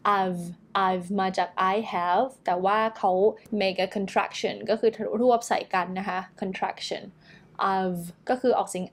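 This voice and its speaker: A woman teaches English pronunciation in a casual online lesson. She talks at an easy, unhurried pace and draws out her English example words slowly and deliberately, at a mid pitch. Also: fairly even intonation. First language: Thai. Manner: switches between Thai explanation and slow, drawn-out English model words.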